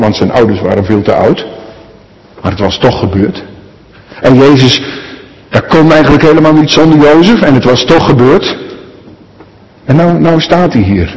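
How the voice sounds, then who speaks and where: Dutch pastor preaching in a reverberant church. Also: male voice, mid-range voice, a little mellow. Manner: conversational, asks the congregation questions. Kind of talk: sermon. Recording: echoey church hall.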